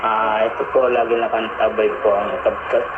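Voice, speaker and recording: A man's voice: fairly low pitch, flat delivery, moderate pace. A man answering over a two-way radio with a courteous greeting. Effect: two-way radio transmission. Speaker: radio club member. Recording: tinny two-way radio, heavy static.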